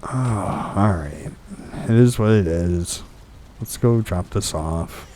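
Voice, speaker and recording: A young man with a low, warm voice speaks slowly while ranting over a tough boss fight on his gaming channel. He swears, restarts his sentences, and has the hiccups.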